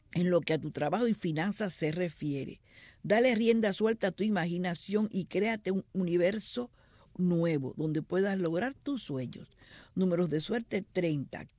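A woman co-hosting a radio show, reading horoscopes and lottery numbers in a lively way and drawing the numbers out slowly. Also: on the low side, no echo. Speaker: radio co-host.

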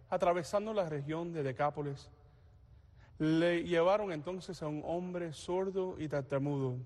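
A man as priest, reading the gospel and preaching a homily at Mass in a slow, measured way, his voice ringing with cathedral echo in a large church. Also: fairly high pitch, a little mellow. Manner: slow, measured liturgical delivery. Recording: long reverb in a large church.

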